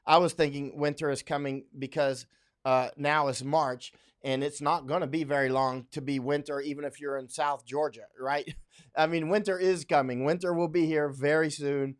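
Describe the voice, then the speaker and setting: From his home in Chiang Mai, Thailand, a man originally from Central Florida hosts a casual livestream and reads out viewer comments. His fairly high voice stays steady in tone at a moderate pace, though his talk rambles with frequent restarts and fillers.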